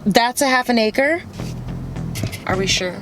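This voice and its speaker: Slow-talking, laughing woman vlogger outdoors. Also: fairly high pitch, animated. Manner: chatty, laughs often. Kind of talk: casual chat. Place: outdoors on a hillside. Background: background music.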